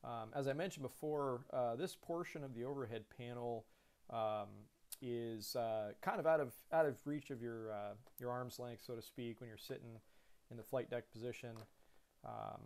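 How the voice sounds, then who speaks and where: A pilot in his thirties walks through cockpit panels in an easygoing, halting way, full of "um"s and restarts. His mid-pitched voice carries a gravelly fry. He talks from a small room, framed like a webcam call. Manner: relaxed, many fillers and restarts. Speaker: airline pilot explaining the cockpit. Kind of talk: casual screen-share lesson.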